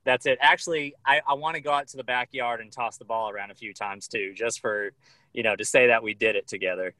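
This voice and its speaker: A man chatting casually as a podcast co-host with deadpan joking. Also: medium pitch, quick pace, no echo, rough recording. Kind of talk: casual chat.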